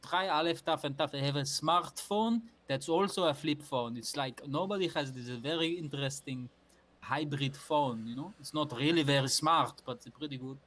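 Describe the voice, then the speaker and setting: A man's voice: on the high side, moderate pace, fairly bright tone, lightly acted. A man voicing a pushy male Israeli telephone salesman with wheeling-dealing sales patter. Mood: salesy.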